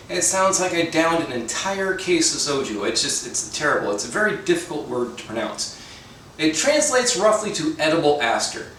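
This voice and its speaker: A man hosts his own cooking channel from his home kitchen, chatting casually with dry, self-deprecating jokes and side remarks. His voice is a little high and a bit bright, and the mic sits far off in a very echoey room with faint noise.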